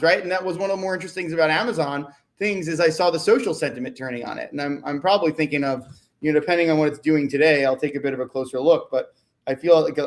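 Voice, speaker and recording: A man on a video call talking through stock signals in a casual livestream chat, halting and repeating words and often tagging sentences with "right?". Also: on the high side. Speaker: stock market analyst.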